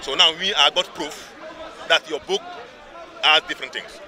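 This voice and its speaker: In a heated street debate at an outdoor public speaking spot, a man argues insistently, saying "listen" again and again to keep the floor. His voice is a little high, pushed and bright, at a moderate pace, with a crowd of onlookers around him.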